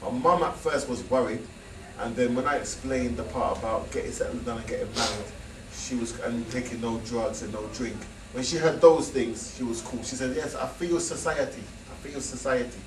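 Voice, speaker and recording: A man with a mid-range voice and a normal pace rambles frankly through a personal story, tossing in laughing asides. It's casual storytelling, captured from a distance in an echoey, noisy hall.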